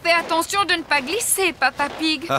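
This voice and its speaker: A woman voicing a caring, sensible mummy pig in a preschool cartoon dub, with a gentle, instructive manner. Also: very high voice, normal speed, heavy background noise. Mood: pleasant.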